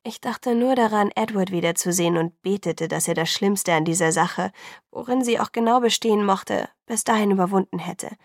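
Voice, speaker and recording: A woman narrating a first-person novel as an audiobook, in a soft, subdued reading. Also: medium pitch, normal speed, no echo, clean studio sound.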